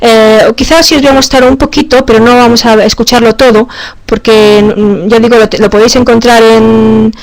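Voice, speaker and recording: A woman's voice: on the high side, steady tone, moderate pace. A woman teacher giving a conference talk on pronunciation teaching, speaking hesitantly with many fillers and restarts. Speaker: language teacher presenting.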